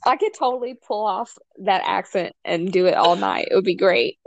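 A woman's voice: medium pitch, normal speed, creaky, lo-fi sound. A young adult woman co-hosting a podcast, chatting casually and laughing easily. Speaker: podcast co-host. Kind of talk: casual chat.

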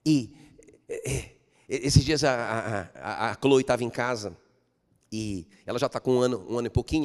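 Older pastor, booming then hushed. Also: male voice, long reverb tail. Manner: swings between loud exclamations and soft low asides. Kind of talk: sermon. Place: church.

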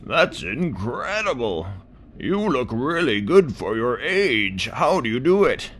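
A man voicing a very old male tortoise who moves slowly and complains about his back, in a bedtime story. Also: very animated, a bit bright, exaggerated voice. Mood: amazed. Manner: slow, high, creaky old voice.

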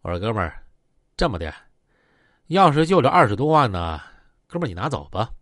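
A man's voice: medium pitch, big pitch swings, a little fast, fairly bright tone, no room sound, clean studio sound. A man with a Northeastern Mandarin accent voicing a shrewd young gang leader who talks in a soothing, persuasive way. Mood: placating.

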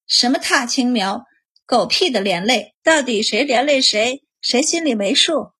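A woman's voice: fairly high pitch, animated, unhurried, slightly rough, exaggerated voice. A woman reading as a furious grieving noble mother. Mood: angry wailing. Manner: loud scolding, wailing.

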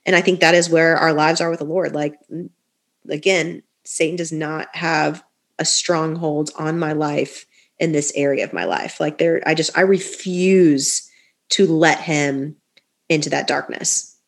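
Earnest woman, slightly low voice. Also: fairly even intonation, a little slow, vocal fry. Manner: earnest, repeats phrases for emphasis, many "like" fillers. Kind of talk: casual podcast talk about faith and healing.

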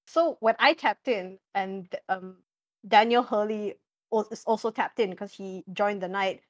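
A woman's voice: medium pitch, a little slow, no room sound. A young woman chatting casually as a podcast guest about running tabletop games, talking loosely with many fillers and frequent laughter. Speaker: podcast guest, game master.

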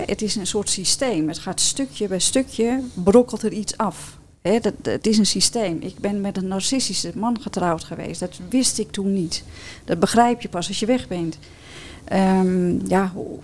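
A woman's voice: medium pitch, a little mellow, a little hiss or hum. A woman talking as a guest on a talk show, reflective and searching for words. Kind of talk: personal talk show conversation.

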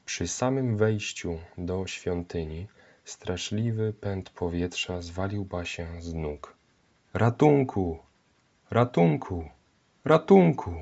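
A male narrator reads a scripted historical account in a measured, solemn way. His voice is deep and his pace is slow, and the recording has a dull, lo-fi sound.

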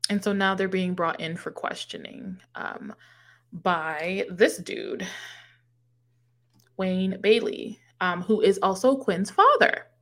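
A woman with a mid-pitched voice chats on a podcast. She tells a movie's plot in a loose, animated style and acts out the characters' lines, dropping in a curse now and then. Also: takes it slowly. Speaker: podcast co-host. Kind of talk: casual movie recap chat.

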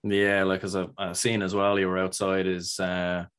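A man's voice: low voice, completely flat delivery, moderate pace, a bit bright, smooth. A man hosting a casual podcast interview, asking long, rambling questions full of "like" and restarts. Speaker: podcast host.

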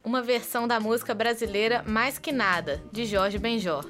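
A young Brazilian woman with a fairly high voice presents scripted radio explanations. She sounds upbeat and explanatory, with soft music playing faintly behind. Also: normal speed. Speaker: student radio co-host.

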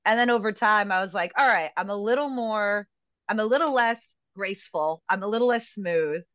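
A woman's voice: mid-range voice, fairly quick, fairly bright tone, no echo, dull audio. A woman around thirty, a comedian guest, talking candidly and poking fun at herself. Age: 30s. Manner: candid, self-deprecating. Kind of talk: casual chat.

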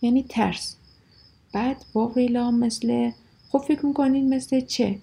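Woman reading a story out loud, gravelly and kinda husky, goes whispery then loud. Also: fairly high pitch. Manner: expressive, drops to whispers and rises for shouted lines.

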